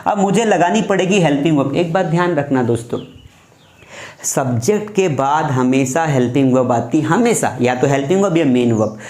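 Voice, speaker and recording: A man's voice: on the high side, lively intonation, normal speed, darkish tone. Man teaching grammar in an echoey room. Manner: explains step by step, repeats examples. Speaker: English teacher. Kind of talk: classroom grammar lesson.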